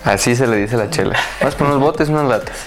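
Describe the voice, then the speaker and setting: A man's voice: mid-range voice, quick pace, over music. A man with a Mexican accent co-hosting a podcast in casual comedy chat. He talks bluntly and swears freely. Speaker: podcast co-host.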